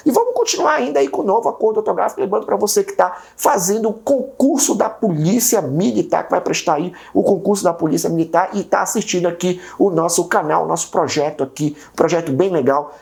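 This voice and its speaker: Brazilian woman teacher, gravelly voice, keeps asking herself questions then answering, exam prep lesson. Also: lowish voice, a little mellow. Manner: asks and answers own rhetorical questions; repeats key rules, checks in with viewers.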